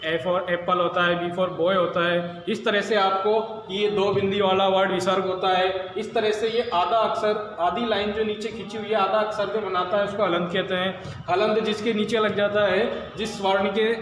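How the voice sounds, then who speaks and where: A man's voice: high voice, level tone, normal speed, fairly bright tone. A male teacher from India giving a blackboard lesson, explaining step by step and asking and answering his own questions. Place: classroom with blackboard. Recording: very echoey room, long reverb, faint noise.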